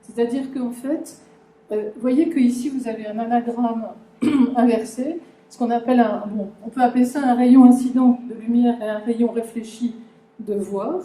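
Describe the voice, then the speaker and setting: A woman's voice: fairly high pitch, steady tone, normal speed, dark tone. Hesitant woman lecturing in an echoey room. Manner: hesitant, many fillers and restarts, addresses audience directly. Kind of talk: conference talk explaining a language.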